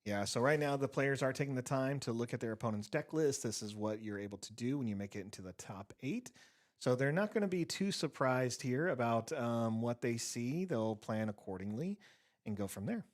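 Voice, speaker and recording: Man, mid-pitched voice, card game commentator, relaxed, explains plays. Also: normal speed. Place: empty gaming room at a cafe.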